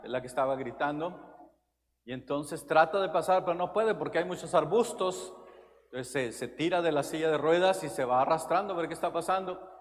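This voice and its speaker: Priest preaching in a reverberant church. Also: male voice. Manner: storytelling, shifting between loud emphasis and soft, low passages. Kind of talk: Spanish homily. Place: large church.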